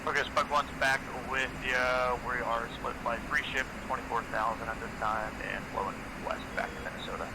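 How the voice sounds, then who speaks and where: A man speaking as a military pilot through an oxygen-mask radio, making brisk, clipped calls. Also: medium pitch, steady tone, heavy background noise.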